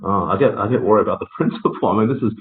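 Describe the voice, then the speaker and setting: A man's voice: fairly low pitch, rapid-fire. A man hosting a casual business meeting over a group voice call. He talks in a chatty way, with many fillers and laughs between points. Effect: group voice call, heard over a conference line. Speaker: meeting host for a real estate network. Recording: tinny echoey call line with faint hiss.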